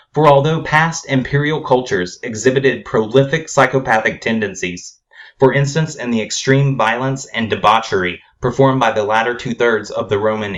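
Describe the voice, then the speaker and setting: A man narrating a scripted spoken essay in a measured, formal, grave manner. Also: mid-range voice, a bit bright, muffled recording.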